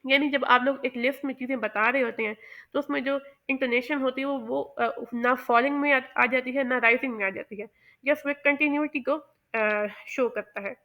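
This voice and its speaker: A woman teaching pronunciation, explaining carefully and often pausing with "uh". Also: a little high, pushed and bright. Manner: measured and explanatory, with many "uh" pauses. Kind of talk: explanatory lesson.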